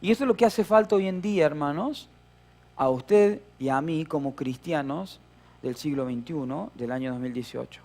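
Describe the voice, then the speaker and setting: Middle-aged Rioplatense male pastor, high gravelly voice, playful storytelling sermon. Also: moderate pace. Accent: Rioplatense Spanish. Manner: storytelling with playful humor, acting out shouts and voices.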